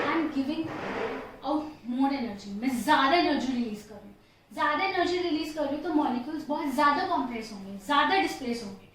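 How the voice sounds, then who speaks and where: A woman's voice: high-pitched, a little hiss or hum. A woman teacher explaining a physics lesson step by step, asking questions and answering them herself. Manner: mixes Hindi with English phrases, often says "theek hai". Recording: echoey room, voice from far off.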